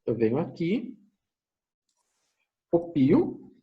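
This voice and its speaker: With huge pitch swings and a very slow pace, his voice on the high side, the Brazilian Portuguese-accented university lecturer explains step by step in an online, screen-shared lecture. He thinks aloud, checks in with listeners often, and the audio is dull.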